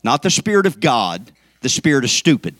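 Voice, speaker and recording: A man's voice: mid-range voice, very animated, moderate pace, fairly bright tone, no echo, studio quality. A man preaching a sermon to his congregation, folksy and joking, swinging up into emphatic peaks. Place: church sanctuary.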